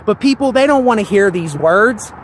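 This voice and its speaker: A man's voice: high-pitched, lively intonation, normal speed, a little hiss or hum. A man hosting his own channel, talking in a casual monologue. He sounds earnest and preachy and often repeats himself. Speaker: channel host.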